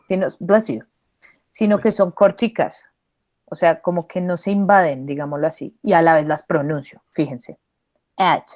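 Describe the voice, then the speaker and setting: A woman's voice: fairly low pitch, warm tone, no room sound. Woman teaching English pronunciation. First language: Spanish. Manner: patient, models sounds slowly and repeats them; switches between English and Spanish. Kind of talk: online pronunciation class.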